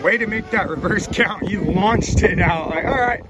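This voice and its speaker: A man's voice: sits high, moderate pace. A man coaching casually and encouragingly in a folksy way, recorded outdoors on a phone. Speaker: course guide filming an RC crawler run. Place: open rocky desert hillside, outdoors. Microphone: handheld phone camera mic. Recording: outdoor phone video with loud ambient noise.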